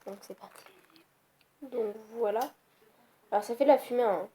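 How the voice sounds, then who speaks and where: Young female beauty vlogger, casual and easily irritated, light raised pitch. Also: moderate pace. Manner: chatty, rambling, easily annoyed. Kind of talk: casual makeup tutorial. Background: faint noise of passing cars.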